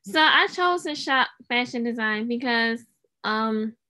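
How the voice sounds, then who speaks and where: A woman's voice: a little high, expressive, unhurried, bright, forceful tone. A teenage girl answering on a student panel, careful and hesitant with many ums. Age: teens.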